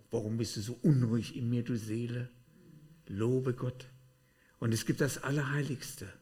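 A man preaching to his congregation. He swings from loud, pleading outbursts down to soft, hushed asides. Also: mid-range voice. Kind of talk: sermon.

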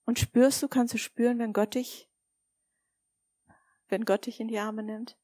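A woman with a slightly high, level voice preaches a sermon a little slowly, in a dry recording. She is warm, telling stories and putting direct questions to her listeners.

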